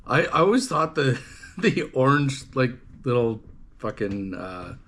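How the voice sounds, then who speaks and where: A man's voice: mid-range voice, sing-song, a little slow, a bit bright, a little hiss or hum. A man from Canada casually chatting to his livestream viewers, rambling and swearing, with lots of fillers and restarts. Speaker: livestream host. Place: home livestream setup.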